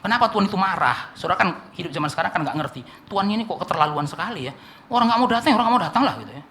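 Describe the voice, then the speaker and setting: A man preaching a sermon with an Indonesian accent, swinging from hushed asides to shouts and often addressing the congregation. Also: sits high, lively intonation, rapid-fire. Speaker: pastor.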